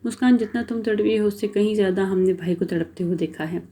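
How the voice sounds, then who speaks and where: A woman reading the lines of an angry, quick-tempered young husband. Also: mid-range voice, dark tone, lightly acted. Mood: earnest. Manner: angry, snapping.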